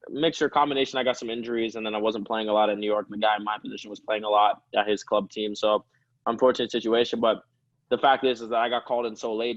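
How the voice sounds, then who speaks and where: A relaxed early-twenties soccer pro rambles and laughs his way through a casual guest interview. He has a fairly low pitch, and the recording is dull with no room sound.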